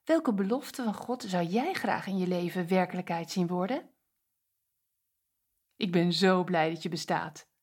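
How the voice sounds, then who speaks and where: A woman's voice: fairly low pitch, measured pace, long pauses, a little mellow, slightly rough. A woman giving a short devotional message and prayer, speaking directly and encouragingly to the listener.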